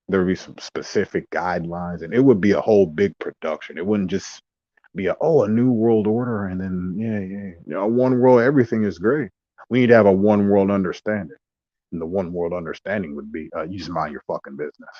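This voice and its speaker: A man's voice: sits low, steady tone, brisk, no echo. A man talking in a rambling casual monologue, drifting between asides and mocking quoted voices. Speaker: vlogger. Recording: dry, dull lo-fi sound.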